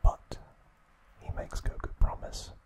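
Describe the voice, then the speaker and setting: An ASMR host, a man, whispers a trivia recap in a breathy, unvoiced, hushed voice, with gentle, halting pauses.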